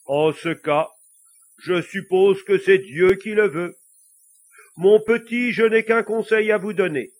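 A man voicing a stern, suspicious old pope giving measured advice in a storybook reading. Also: high voice.

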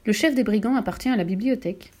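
A woman's voice: mid-range voice, fast talker, darkish tone, lightly acted. A woman voicing a polite but firm librarian in a storybook reading.

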